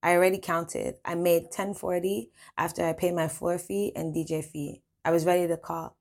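Low, creaky-voiced woman narrator. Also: little pitch movement, moderate pace, darkish tone. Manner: casual, slangy storytelling. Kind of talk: first-person story reading.

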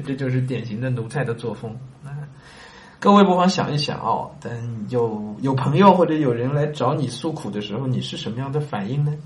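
A man's voice: mid-range voice, expressive, a little fast, echoey room. A man reading a classic story aloud and explaining it, chatting with listeners and asking them rhetorical questions. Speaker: reader and commentator on a classic story. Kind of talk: storytelling lesson with commentary.

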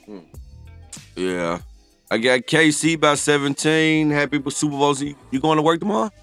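A man co-hosting a podcast, telling stories in animated, joking chat. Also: fairly high pitch, moderate pace, clean tone, faint music behind. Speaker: podcast co-host.

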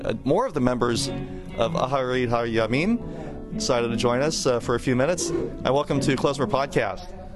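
A man's voice: mid-range voice, lively intonation, normal speed. A male podcast host interviewing musicians backstage at a festival, friendly and full of "uh" fillers. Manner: friendly, laughs easily, many "uh" fillers. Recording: music playing behind.

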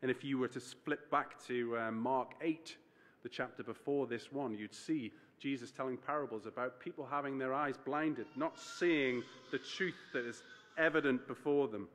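A man's voice: mid-range voice, moderate pace, fairly bright tone. A man preaching a sermon in church, talking in a conversational way, explaining scripture plainly and correcting himself as he goes. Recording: reverberant church hall.

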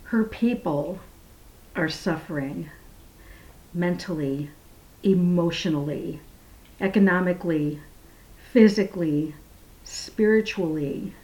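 A woman leads a guided meditation and prayer in a soft, hushed, soothing voice that trails into a near-whisper. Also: fairly low pitch, slow, long pauses, low-quality recording.

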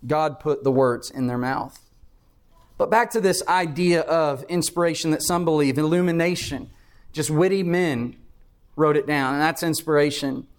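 Man, fairly high voice, Bible class sermon, emphatic, repeats phrases for stress. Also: normal speed. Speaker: preacher.

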